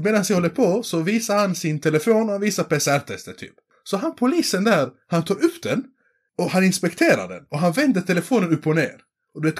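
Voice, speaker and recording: High, husky man with a lively voice. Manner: lively, laughs often while telling. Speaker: co-storyteller. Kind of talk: casual chat.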